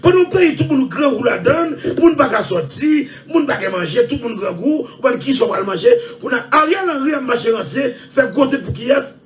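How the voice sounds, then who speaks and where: A Haitian man hosting his own show, delivering a loud, repetitive rant with frequent shouting and laughter. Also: extremely high pitch, expressive, normal speed, few pauses, recorded from a distance, a little hiss or hum. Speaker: show host. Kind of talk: ranting monologue.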